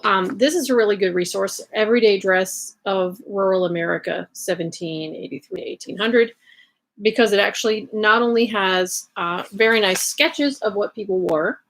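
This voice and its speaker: Female livestream host, Southern US accent, noticeable vocal fry, middling pitch, casual explanatory chat with rambling asides. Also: a bit bright, poor audio. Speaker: livestream host sharing sewing resources. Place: indoors at home, in bed in a bedroom.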